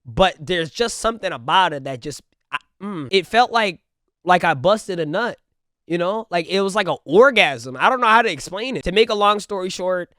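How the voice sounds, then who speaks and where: A young man telling a comedic, profane storytime vlog in an animated, slangy way. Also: high voice, moderate pace, no room sound, clean studio sound. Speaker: storytime vlogger. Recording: music playing loudly under the voice. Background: background music.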